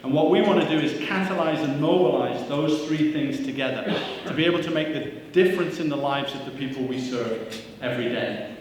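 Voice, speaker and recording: His voice a little high and fairly quick with hardly any pauses, a CEO welcomes a church hall audience to a breakfast event on a handheld mic. He is upbeat and self-deprecating and uses frequent "uh" fillers. The recording is echoey and distant, with a little hiss or hum.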